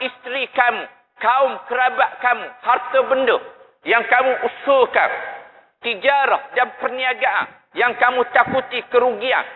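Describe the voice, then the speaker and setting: A male preacher giving an emotive evening sermon, telling stories and questioning the congregation. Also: very high-pitched. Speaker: mosque preacher. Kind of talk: evening sermon with Quran recitation. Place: mosque hall. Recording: echoey mosque hall over tinny lo-fi sound.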